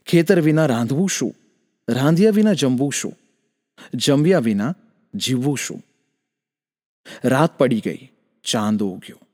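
A man's voice: on the high side, a little mellow, big-room sound. A man telling a folk tale in a rhythmic, sing-song way, with lots of repetition. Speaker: storyteller.

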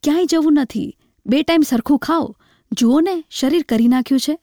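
A woman's voice: high voice, normal speed, warm tone, no echo, clean studio sound, close to an everyday voice. A woman reading aloud voices a worried, protective old mother in a blunt, fussing way. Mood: fretful.

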